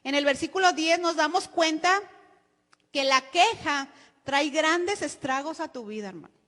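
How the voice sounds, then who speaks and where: A woman's voice: high-pitched, expressive, a little slow, pushed and bright, big-room sound. A woman pastor with a Mexican Spanish accent preaching a sermon, often calling out to the congregation as brothers.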